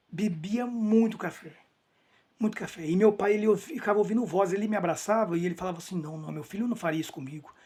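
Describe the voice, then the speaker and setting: A man's voice: high voice, a little mellow, husky. A young man from Brazil giving an earnest, emotional personal faith testimony, with many restarts. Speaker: testimony speaker.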